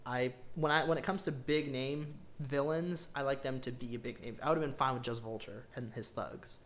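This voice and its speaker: A man's voice: medium pitch, normal speed, a bit bright. A man co-hosting a podcast, giving a casual, rambling movie review full of ums and emphatic verdicts. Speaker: podcast co-host.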